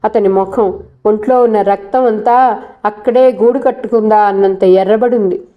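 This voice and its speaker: A woman narrating a novel as an audiobook, in a steady storytelling read. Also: mid-range voice, normal speed, narrow, tinny audio.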